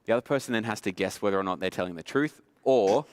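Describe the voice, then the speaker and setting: A man's voice: fairly low pitch, quick pace, smooth, no echo. A young man hosting a game at a youth group, explaining the rules playfully and laughing often.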